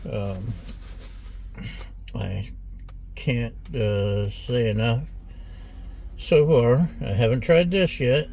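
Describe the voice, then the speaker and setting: A man's voice: mid-range voice, darkish tone, slight background noise. A middle-aged man hosting a casual food taste-test vlog in a restaurant, chatty and rambling as he eats between sentences. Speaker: food vlogger.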